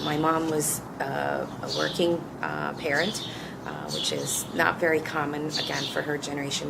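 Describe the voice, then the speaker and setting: A fifties-aged woman originally from Turkey, who helped found a coffee company, speaks in a low voice with vocal fry amid very noisy surroundings. Answering interview questions, she is reflective and earnest, frequently starting sentences anew.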